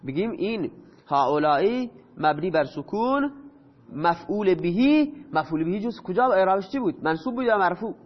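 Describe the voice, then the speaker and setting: A high-pitched man teaching a grammar lesson, putting questions to his class and answering them himself. The recording is dull and lo-fi, with a long reverb trailing his words. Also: expressive. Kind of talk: explaining grammar to students.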